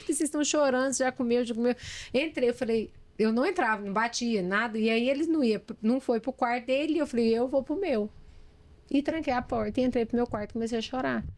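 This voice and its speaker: A Brazilian woman, a podcast guest, telling personal stories in an emotional, animated way, laughing often. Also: sits high. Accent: Brazilian Portuguese. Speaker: podcast guest, former judge. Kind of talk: personal storytelling in casual chat.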